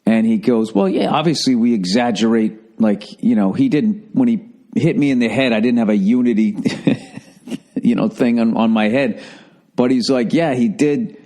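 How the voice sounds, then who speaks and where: A man in his forties hosting a podcast, telling stories in a loose, profane, animated way and putting on other people's voices as he goes. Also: medium pitch, normal speed. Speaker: comedian podcast host. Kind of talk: casual storytelling monologue.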